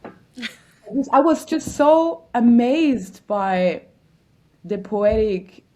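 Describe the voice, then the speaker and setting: A woman's voice: fairly high pitch, lively intonation, drawn-out words, darkish tone. A woman from Germany, a musician guest answering interview questions reflectively and searching for words.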